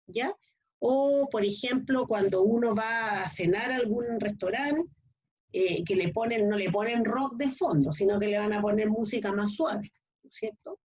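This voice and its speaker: A woman's voice: medium pitch, a little mellow, slightly rough. A middle-aged woman, teaching a class and often checking if students follow. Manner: explains with frequent checking questions. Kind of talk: online class lecture. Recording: dull lo-fi online class audio.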